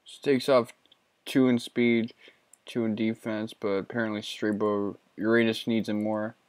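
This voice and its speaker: A man's voice: on the low side, level tone, measured pace, a little mellow, dry recording. A man in his thirties giving casual, profane, self-mocking commentary while playing a game. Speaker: let's play host.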